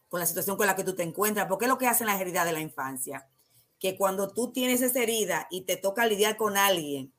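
Speaking in a mid-range voice with a Dominican accent, a guest counselor on a talk show lays out ideas in a calm, teacherly manner, posing questions and answering them herself.

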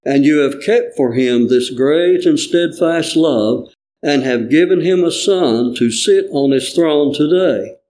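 A man reading scripture in church, formally, with measured and earnest phrasing. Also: medium pitch, dark tone, rough recording.

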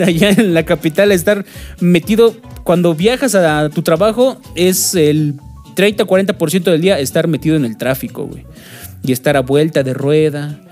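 A man's voice: on the high side, darkish tone. A man from Mexico City with a chilango accent, chatting casually on a podcast, swearing and using lots of fillers. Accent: Mexico City Spanish. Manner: slangy, swears often, many fillers. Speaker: podcast host. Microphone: studio microphone.

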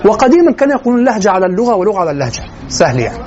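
Fast, high-voiced Egyptian lecturer. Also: male voice, sing-song, a little mellow. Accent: Egyptian Arabic. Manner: switches between colloquial and formal Arabic, quizzing students. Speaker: lecturer in Quranic sciences. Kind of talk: classroom lecture. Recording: dull lo-fi room recording with faint noise.

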